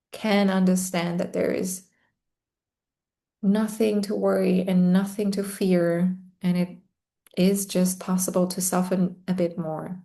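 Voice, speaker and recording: Slow, mellow woman guiding a meditation. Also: medium pitch. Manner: slow, soothing, with long pauses. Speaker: meditation guide. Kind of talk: guided meditation.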